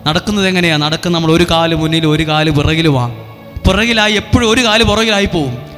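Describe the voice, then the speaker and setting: A priest leading a revival sermon, coaxing the crowd with repeated call-and-response lines. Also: male voice, fairly high pitch, brisk, fairly bright tone, long reverb tail, faint music behind. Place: retreat centre hall.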